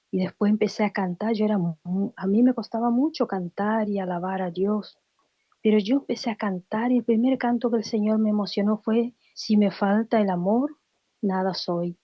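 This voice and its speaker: A woman's voice: mid-range voice, no room sound, muffled recording. Woman telling her story. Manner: emotional storytelling, acts out quoted voices. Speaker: guest giving a testimony. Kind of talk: personal faith testimony.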